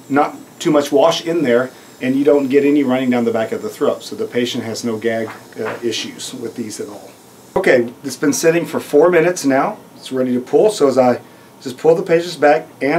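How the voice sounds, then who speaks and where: A man's voice: mid-range voice, darkish tone, a little hiss or hum. A middle-aged man, a dentist giving a plain, step-by-step instructional demonstration. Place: small dental treatment room, indoors.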